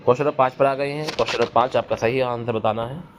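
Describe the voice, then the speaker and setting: A man with a medium-pitched, steady voice teaches an exam-prep grammar lesson at a quick pace. He poses questions and answers them himself, repeating key terms, and the dull lo-fi recording carries faint noise.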